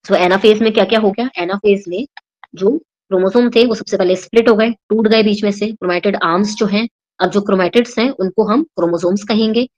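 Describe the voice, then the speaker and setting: A woman's voice: medium pitch, a little fast, darkish tone, rough recording. A young Indian woman teaching a biology exam-prep lesson, explaining step by step and checking in with her students after each point. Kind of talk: exam-prep lesson, mixing Hindi and English.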